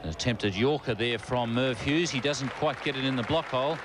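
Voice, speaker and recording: A man with a mid-pitched voice calls cricket live, ball by ball. The outdoor broadcast is very noisy, with a loud stadium crowd all around him. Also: a little fast. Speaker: cricket commentator.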